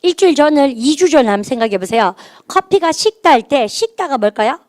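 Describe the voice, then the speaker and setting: A middle-aged woman teaches a grammar lesson in a higher voice, prompting her class to repeat after her again and again. The sound is close and completely dry, with no room in it. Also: sing-song, fairly quick, dry recording. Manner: drills students with call-and-response prompts. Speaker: English teacher. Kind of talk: recorded grammar lecture.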